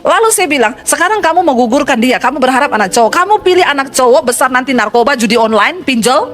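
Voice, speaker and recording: High-pitched emphatic woman pastor preaching. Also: animated, fast, a bit bright, faint music behind. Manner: emphatic, exclamatory preaching with sudden pitch leaps. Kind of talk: sermon.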